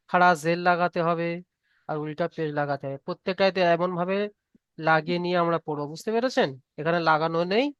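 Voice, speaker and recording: High, clear-voiced man teaching patiently. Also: fairly bright tone, dry recording, highs cut off. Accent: Bengali. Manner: patient, repeats each rule slowly, asks students to recite. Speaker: online Quran reading teacher. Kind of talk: live online class lesson.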